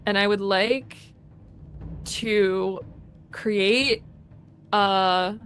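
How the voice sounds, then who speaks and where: Female tabletop player, casual and unhurried, hesitant thinking-aloud delivery over background music. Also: mid-range voice, steady tone, a bit bright. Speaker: player in a tabletop role-playing game. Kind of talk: casual game chat.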